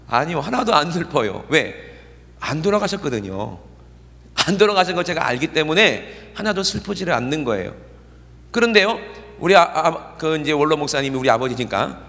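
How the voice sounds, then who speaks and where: In a church sanctuary with long reverb, a middle-aged pastor preaches a sermon conversationally, often checking in with his congregation. His fairly high voice is very animated, brisk, creaky, and a bit bright.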